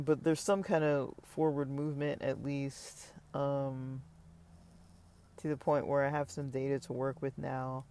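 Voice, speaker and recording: A man's voice: on the high side, a little mellow, smooth. A tired man rambling casually through a vlog update about his online store, with lots of fillers and restarts. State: tired, yawning. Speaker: online seller vlogger.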